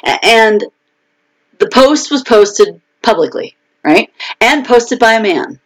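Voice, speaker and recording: A woman's voice: a little high, lively intonation, slow, poor audio. A woman author chatting casually on her own live video stream, talking through frustrations with fillers and restarts.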